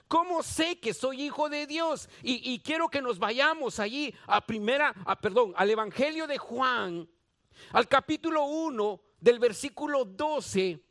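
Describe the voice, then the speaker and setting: A man with a Guatemalan Spanish accent preaches a sermon in a very high, bright voice. He speaks slowly and deliberately, repeating phrases for emphasis and putting direct questions to his listeners. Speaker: pastor.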